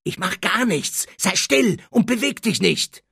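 A man's voice: on the high side, huge pitch swings, extremely slow, breathy edge, dry recording, clean studio sound, pitched above the performer's own voice, full character voice. A man voicing a tense teenage boy wizard who hisses clipped warnings. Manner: hissing, clipped, threatening.

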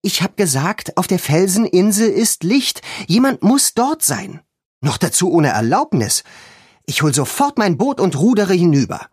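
A man's voice: fairly high pitch, very animated, measured pace, slightly rough, dry recording, studio quality, voice pushed up, full character voice. A man doing a fierce, proud tomboy girl. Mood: urgent. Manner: rising sharply to urgent shouting when alarmed.

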